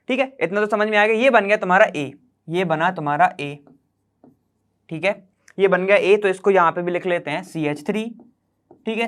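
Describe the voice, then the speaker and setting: Chatty, smooth-voiced male chemistry tutor. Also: sits high, a bit bright. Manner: chatty, quizzes the viewer, keeps saying "theek hai". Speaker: chemistry teacher. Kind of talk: explaining chemistry problems step by step.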